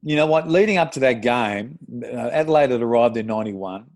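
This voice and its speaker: A middle-aged Australian man, a former footballer, telling an animated, sweary anecdote with self-deprecating laughs in casual podcast chat. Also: medium pitch, brisk, dry recording. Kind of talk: casual storytelling.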